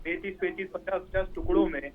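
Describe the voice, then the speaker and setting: A fairly high-voiced man comes through a thin, tinny phone connection that keeps cutting out and glitching. He presses his questions hard and hammers on repeated numbers. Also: steady tone, quick pace. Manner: pointed, repeats figures for emphasis. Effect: choppy, breaking-up phone line. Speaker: debate panelist. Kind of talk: heated TV debate question.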